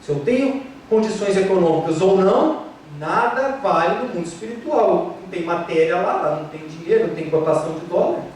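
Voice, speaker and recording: A man's voice: high-pitched, lively intonation, moderate pace, darkish tone, a little hiss or hum. A Brazilian man, a physician, giving a lecture on spirituality and health, firing off rhetorical questions and acting out complaining patients. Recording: echoey hall recorded from far off.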